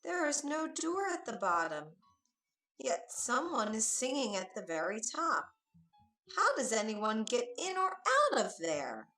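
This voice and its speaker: A woman voicing a gentle, hopeful young male prince in a read-aloud storybook, soft and earnest. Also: fairly high pitch, huge pitch swings, unhurried, distant mic, soft background music, pitched above the performer's own voice, heavily acted. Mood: puzzled.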